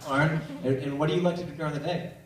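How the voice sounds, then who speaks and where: Male stage hypnotist, quick and animated, coaxing volunteers with childlike questions; distant, very echoey hall with loud noise. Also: on the high side. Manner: simple coaxing questions, repeats the answers back. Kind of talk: live stage show patter, questioning volunteers like small children. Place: live stage before an audience.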